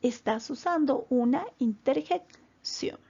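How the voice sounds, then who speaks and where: A woman teaching a grammar lesson to children, explaining slowly and deliberately and addressing them directly. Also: high voice, animated, gravelly, mellow, breathy edge, dull audio. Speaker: primary school teacher.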